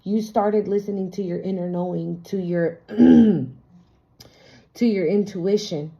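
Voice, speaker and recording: A woman's voice: medium pitch, takes it slowly, creaky, dark tone. Sassy, profane woman tarot reader. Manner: chatty, blunt, profane, sassy. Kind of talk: casual spiritual tarot reading. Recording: slightly muffled lo-fi recording.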